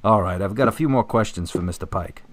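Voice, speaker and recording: An actor playing a businesslike, courteous police officer in a radio drama, direct and plain-spoken. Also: male voice, fairly low pitch, fast talker, slight background noise, natural voice. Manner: direct, polite, questioning.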